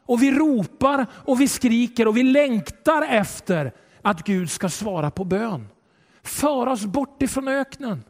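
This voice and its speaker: Male preacher with a high voice, delivering a dramatic sermon in a reverberant church hall. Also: lively intonation. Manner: dramatic, swings between loud and hushed. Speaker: pastor. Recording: long reverb of a large hall.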